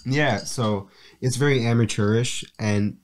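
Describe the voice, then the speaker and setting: A young man with a congested, stuffy voice, co-hosting a casual film review podcast. He talks in a rambling, relaxed way and often restarts his sentences. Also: medium pitch, unhurried, a little hiss or hum. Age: young adult. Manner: rambling, self-correcting, relaxed. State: congested from allergies. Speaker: podcast co-host.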